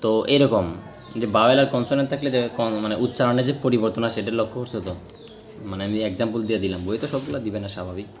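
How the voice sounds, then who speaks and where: A man's voice: fairly low pitch, rapid-fire, a little hiss or hum. A man teaching English grammar, explaining step by step and answering his own questions. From Bangladesh. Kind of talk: spoken grammar lesson.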